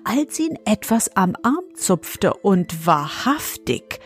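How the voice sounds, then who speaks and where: A woman reading a children's story aloud in a calm, measured narration. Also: medium pitch.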